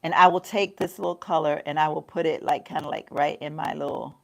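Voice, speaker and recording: A woman's voice: low voice, fairly even intonation, fairly quick, creaky. Chatty woman doing a makeup chat. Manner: chatty, addresses viewers as y'all, laughs often. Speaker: beauty vlogger. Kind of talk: casual get-ready-with-me livestream chat. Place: home.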